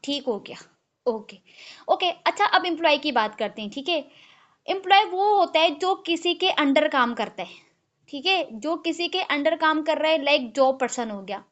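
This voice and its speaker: A woman leading an online team training, mixing English into her talk and filling pauses with a steady refrain of okay. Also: high-pitched, lo-fi sound. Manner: mixes English and Hindi, fills with "ठीक है"; slows down to spell out key terms. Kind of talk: live online training session. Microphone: video call.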